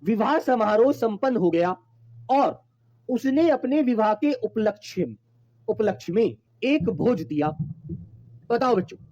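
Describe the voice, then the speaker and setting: A man's voice: high voice, animated, unhurried, pauses often, darkish tone, no room sound, lo-fi sound. A man teaching a Hindi exam-prep class online, calling his students his children and repeating each point patiently.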